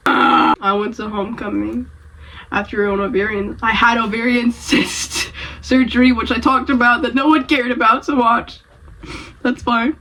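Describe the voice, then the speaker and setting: A woman's voice: on the high side, big pitch swings, unhurried, pushed and bright, slight background noise, rough recording. A young woman with a cold, rambling casually and self-deprecatingly in a vlog. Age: young adult. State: has a cold. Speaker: vlogger.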